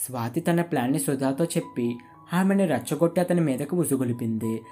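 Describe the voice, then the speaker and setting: A storyteller reading a dramatic moral tale in a steady, scripted way, with faint guitar music behind. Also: medium pitch, brisk, breathy edge.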